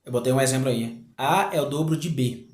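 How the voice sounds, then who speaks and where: A man teaching a grammar lesson, explaining slowly, repeating words and asking rhetorical questions. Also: medium pitch, a little mellow. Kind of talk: grammar lecture. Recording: echoey room.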